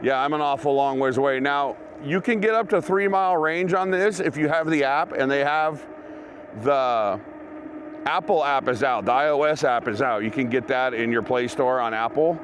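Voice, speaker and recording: This gear review vlog host has a medium-pitched, fairly bright voice and speaks at a normal speed, chatting informally with his viewers about products. A little hiss or hum can be heard.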